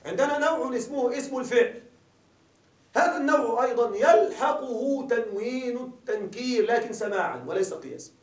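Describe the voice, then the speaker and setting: A man's voice: very high voice, lively intonation, fairly quick, distant mic. A man giving a grammar lesson to a class, often repeating questions to check that the listeners follow. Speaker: grammar teacher. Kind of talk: classroom lecture. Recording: echoey dull room sound from afar.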